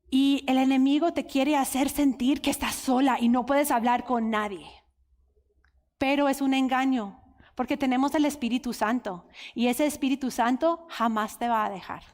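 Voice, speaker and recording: An earnest, openly emotional woman teaches the Bible at a women's conference. Her high voice moves at an unhurried pace. The sound rings with the long reverb of a large hall. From United States. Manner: earnest, emotional, speaks directly to listeners. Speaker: women's workshop speaker.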